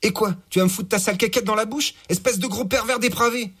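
Brief: a sarcastic, scornful prisoner with a husky voice, voiced by a narrator. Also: male voice, high voice, quick pace, a bit bright, pitched above the performer's own voice. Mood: furious. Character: defiant sarcastic male captive.

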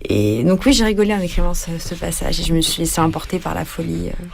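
A woman author talking casually about writing her novel, soft and halting. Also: on the low side, vocal fry, slight background noise. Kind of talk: casual interview.

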